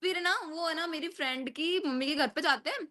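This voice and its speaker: A young woman telling a story on a video call, fast, profane and animated. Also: high voice. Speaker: stranger on a video chat. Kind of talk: casual storytelling on a video chat.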